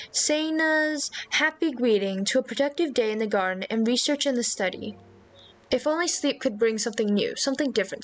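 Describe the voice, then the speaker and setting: A woman's voice: a little high, rough recording. A young adult woman streaming, reading visual novel narration aloud and breaking off into chatty asides to her viewers. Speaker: vtuber streamer.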